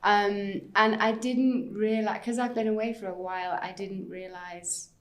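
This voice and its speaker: A woman's voice: medium pitch, fairly even intonation, a little slow, reverberant. A woman from England with an English accent, co-hosting a casual podcast chat as an English teacher, joking and laughing often.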